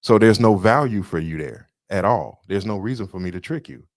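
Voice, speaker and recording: A man's voice: lowish voice, expressive, brisk, no room sound, studio quality. A man co-hosting a podcast, lecturing emphatically in casual political talk and repeating his points. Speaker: podcast co-host. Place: studio booth.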